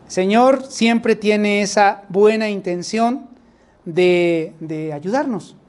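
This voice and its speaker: Mexican preacher asking the flock questions. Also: male voice, high voice, slow pace. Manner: addresses the congregation with rhetorical questions. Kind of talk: sermon.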